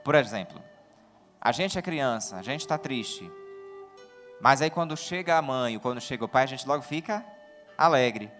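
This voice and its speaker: A man with a Brazilian Portuguese accent preaching a sermon in a lively, joking way, often putting questions to his listeners. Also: medium pitch, moderate pace, soft background music.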